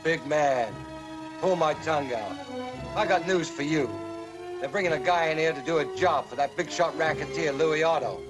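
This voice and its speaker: A man acts a taunting jailhouse drunk in an old crime drama. His voice is fairly high and agitated, jeering in slang. Music plays clearly behind him. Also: normal speed, close to an everyday voice.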